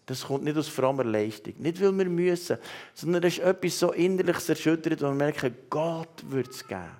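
Swiss German male pastor, earnest, personal prophetic sermon delivery with halting pauses. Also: on the high side, a little mellow. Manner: earnest, addresses listeners directly, many hesitations.

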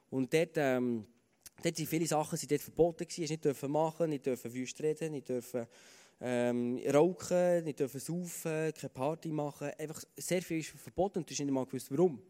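Earnest Swiss German preacher in a reverberant hall. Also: male voice, fairly high pitch, warm tone. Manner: earnest, conversational, with fillers and repeated starts. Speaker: pastor. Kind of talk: sermon with personal stories.

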